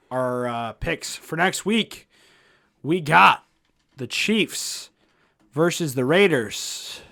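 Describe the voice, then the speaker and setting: A man's voice: medium pitch, pushed and bright. A man hosting a casual sports podcast, joking with his co-hosts as he leads the segment. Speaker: podcast host.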